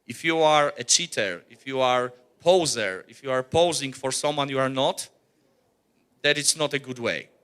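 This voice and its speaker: Bright-voiced man giving a talk. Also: medium pitch. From Poland. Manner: earnest, blunt, with many "uh" fillers and restarts. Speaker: workshop presenter, rock musician. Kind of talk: workshop presentation.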